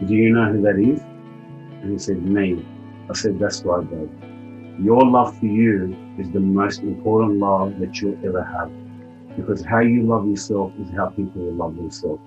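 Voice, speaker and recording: A man's voice: deep voice, normal speed, a little mellow, muffled recording, faint music behind. A middle-aged man giving a heartfelt personal testimonial about a seminar, telling a family story earnestly. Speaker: event attendee giving a testimonial.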